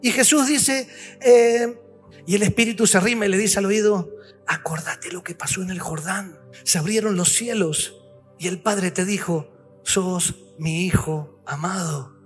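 A man preaches in a high voice, firing off rhetorical questions and swinging between forceful lines and near-hushed ones. His sermon rings through a hall with a long reverb. Faint music sits behind him.

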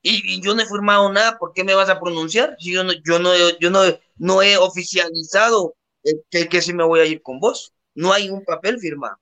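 A man's voice: high voice, normal speed, sharp tone. A young Guatemalan man with a Guatemalan Spanish accent, giving firm opinions in a casual sports chat. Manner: opinionated, emphatic, uses "vos". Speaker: podcast co-host.

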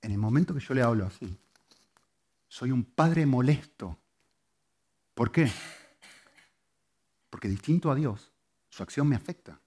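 A man preaching a sermon, moving between loud, emphatic lines and soft, hushed ones. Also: mid-range voice, lively intonation, measured pace, pauses often, slightly rough. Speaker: pastor.

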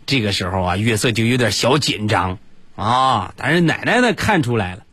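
A husky-voiced man runs through a casual comic monologue, his pitch bouncing all over. He swings into loud, high voices for the people in his stories. The sound is dry and close. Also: moderate pace, no echo. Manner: lively, jumps into loud high voices for quoted characters. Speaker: comedy storyteller. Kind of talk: casual joke-telling monologue.

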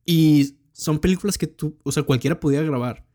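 A man's voice: on the high side, brisk, mellow. Slangy young Mexican man chatting casually. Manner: slangy, swearing freely. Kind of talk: casual film chat.

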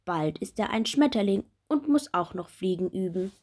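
A woman doing a calm wise old fly pastor. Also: medium pitch, normal speed, slightly rough. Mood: gentle.

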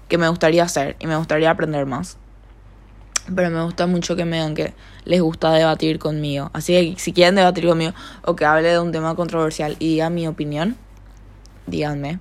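A young woman with a Rioplatense Spanish accent, hosting a casual solo podcast. She talks chattily, drops in English words and trails off softly at the end of thoughts. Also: sits low. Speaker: podcast host.

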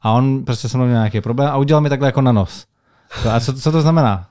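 A man's voice: medium pitch, a little mellow, clear, resonant tone. Chatty hesitant podcast host man. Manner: chatty, hesitant, full of fillers. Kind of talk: casual interview chat.

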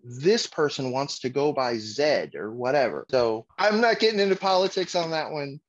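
A man's voice: medium pitch, animated, normal speed. Blunt, profane middle-aged man, muffled. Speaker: podcast co-host. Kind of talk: casual chat. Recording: muffled lo-fi audio.

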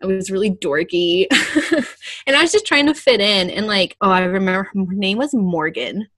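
A young woman chatting on a podcast, with a medium-pitched voice and a dry, close sound. She rambles through stories with plenty of fillers and laughs often. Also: moderate pace, a bit bright, dry recording. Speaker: podcast co-host. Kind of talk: casual chat.

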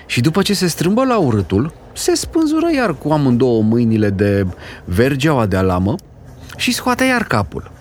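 Male storyteller, mid-pitched, wildly animated and expressive reading. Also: a little hiss or hum. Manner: lively, expressive, acts out characters. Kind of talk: dramatic reading of a classic story.

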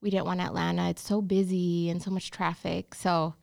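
Gravelly-voiced woman from Honduras, chatty. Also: fairly low pitch, level tone, normal speed, a little mellow, no room sound, clean studio sound. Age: 30s. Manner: chatty, storytelling, upbeat. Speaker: bakery owner, guest. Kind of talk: casual interview chat.

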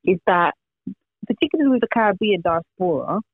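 A man's voice: high-pitched, lively intonation, a little fast, dry recording. A man on a podcast, musing at length with lots of fillers. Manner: thoughtful, rambling, many fillers. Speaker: podcast co-host. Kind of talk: casual chat. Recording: tinny phone-like remote call.

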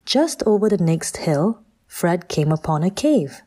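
Slow, mellow woman reading a children's story. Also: fairly low pitch, sing-song, breathy edge.

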